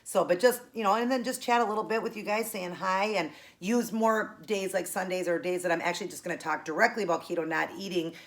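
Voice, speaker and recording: A middle-aged American woman with a tongue piercing, chatting casually to viewers while she eats. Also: medium pitch. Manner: talking while eating, with pauses to chew. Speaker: host of a keto eating show.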